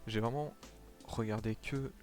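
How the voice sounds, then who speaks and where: A man's voice: on the low side, fairly even intonation, measured pace, a little mellow. A man streaming a game live, talking casually to his viewers and explaining as he plays, with lots of fillers. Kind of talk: casual gameplay commentary. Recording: faint music behind.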